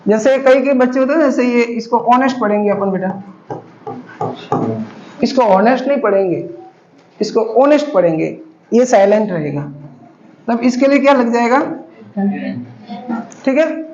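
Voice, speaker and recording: A man with a very high voice teaches a grammar class. He explains patiently and goes over each example several times. The recording is dull and lo-fi, in an echoey room. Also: lively intonation, moderate pace, pauses often, a little mellow. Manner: patient, repetitive explaining, addresses students as beta.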